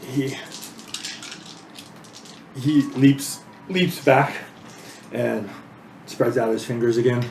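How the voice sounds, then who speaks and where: Slow-talking man running a tabletop game. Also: medium pitch, steady tone, creaky, a little mellow. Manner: slow, halting narration with fillers. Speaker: game master. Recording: echoey room with background noise.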